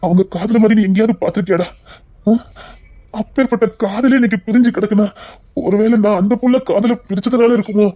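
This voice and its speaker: A man's voice: sits high, fairly even intonation, a little fast, mellow, dull audio, close to an everyday voice. A man reading an audio story, voicing a guilt-ridden middle-aged ruler who speaks in a troubled, heavy, pleading way. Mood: guilty.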